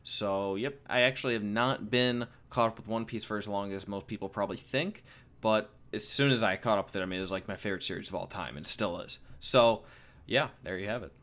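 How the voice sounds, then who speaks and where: His voice is on the low side with a fairly bright tone, and he talks briskly. The 21-year-old American is answering viewer questions in a jokey, rambling Q&A vlog, leaning on fillers and repeating himself.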